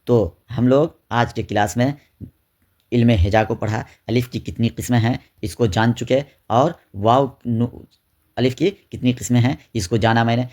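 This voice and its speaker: A man giving an exam-prep grammar lesson. He keeps asking rhetorical questions and repeats each term, drawing out the example words slowly. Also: mid-range voice, darkish tone. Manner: repeats terms and quizzes students with rhetorical questions. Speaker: Urdu grammar teacher.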